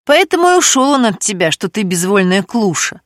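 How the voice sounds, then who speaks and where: A woman's voice: mid-range voice, big pitch swings, a little fast, dry recording, studio quality, natural voice. A woman reading an audiobook, voicing a brash, scheming female friend in a raised, pushy voice.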